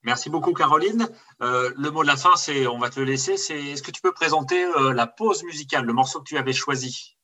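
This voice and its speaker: A man's voice: on the high side, brisk, pushed and bright. A man hosting a radio show, putting friendly, direct questions to his guest. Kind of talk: casual radio interview.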